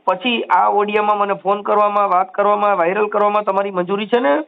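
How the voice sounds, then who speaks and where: Man, quick and high, reassuring phone advisor, tinny line. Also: creaky. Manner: reassuring, repeats calming phrases. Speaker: social media activist taking calls. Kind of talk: phone call advice.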